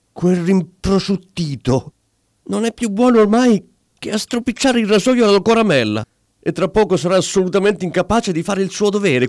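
A man voicing a furious wife who scolds in a shrill, high voice. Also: warm tone, slightly rough, no echo, clean studio sound, heavily acted.

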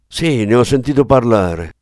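A man voicing a frightened, corrupt male police detective in an audiobook, shrill and pleading. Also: expressive, unhurried, a little mellow, dry recording, studio quality, lightly acted. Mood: cowed.

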